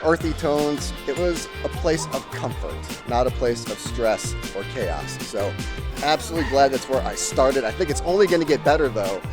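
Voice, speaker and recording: Guy doing a travel vlog, chatty and animated, average pitch, little bit of music in the back. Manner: chatty, animated storytelling with fillers. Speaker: travel vlogger. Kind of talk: casual travel vlog narration.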